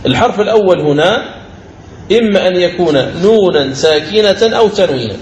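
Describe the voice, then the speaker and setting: Male recitation teacher, fairly high voice, lecture delivery with slow chanted examples; echoey room, faint background noise. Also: animated, a little mellow, highs cut off. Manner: explains step by step, repeating key phrases. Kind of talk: recorded lecture on recitation rules. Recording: roomy recording with faint ambient noise.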